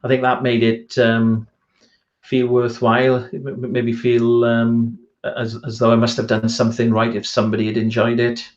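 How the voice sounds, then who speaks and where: A Welsh man, an author, is being interviewed over a video call in a casual online chat, speaking hesitantly and self-deprecatingly with lots of ums and restarts. His mid-range voice comes at a normal speed with a completely flat delivery, and the recording has its highs cut off.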